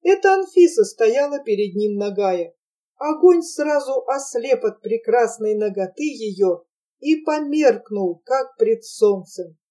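Slow, mellow woman narrator. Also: on the high side, far from the mic. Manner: slow, expressive storytelling. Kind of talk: audiobook narration.

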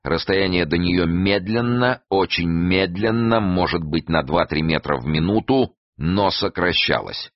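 A man reading an adventure novel aloud as narrator, with expressive storytelling. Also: sits low, unhurried, no echo, lo-fi sound. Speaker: audiobook narrator. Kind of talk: scripted narration.

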